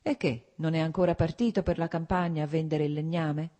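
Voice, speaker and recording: A woman reading a gruff teasing old prince. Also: low-pitched, steady tone, fairly quick, warm tone, close to an everyday voice. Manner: wry, then blustering.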